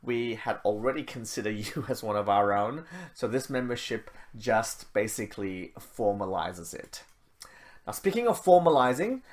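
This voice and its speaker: A man from Malaysia, a pastor, giving church announcements and opening a prayer in a chatty way with self-deprecating asides. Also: mid-range voice. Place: church service, streamed live.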